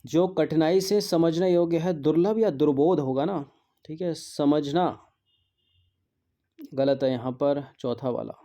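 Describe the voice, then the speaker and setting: Man drilling Hindi spelling, very dark voice. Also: fairly high pitch, unhurried. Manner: repeats words to drill spelling; mixes in English words. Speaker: teacher. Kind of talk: exam practice lesson.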